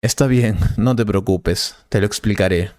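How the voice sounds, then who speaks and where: A man playing a patient Spanish teacher, explaining slowly and calmly in a scripted learner dialogue. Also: lowish voice, dry recording, studio quality, natural voice. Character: patient male professor, helpful and calm.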